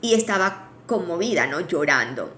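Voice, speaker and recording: A woman teaching a Bible study in a conversational way. She restarts phrases, adds asides to her listeners, and slows down to read scripture aloud. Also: lowish voice, very animated, fairly bright tone, a little hiss or hum. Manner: reads scripture aloud slowly.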